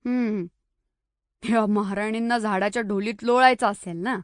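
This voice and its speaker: A woman's voice: mid-range voice, steady tone, normal speed, dry recording, studio quality, lightly acted. A woman voicing a young schoolboy who grumbles and teases his friends. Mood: grumbling. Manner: teasing, grumbling.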